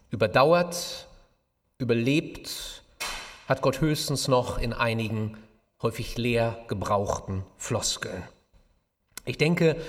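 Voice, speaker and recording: A man preaching a sermon as pastor, in a slow, measured delivery with emphatic pauses. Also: a little high. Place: church. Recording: long church reverb.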